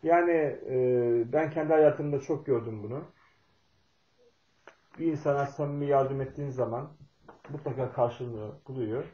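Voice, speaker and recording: A man's voice: mid-range voice, normal speed, long pauses. Man, middle-aged, folksy storyteller, meandering with fillers, roomy echo, dull lo-fi sound. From Turkey. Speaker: speaker telling a family story. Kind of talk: spoken talk with personal storytelling.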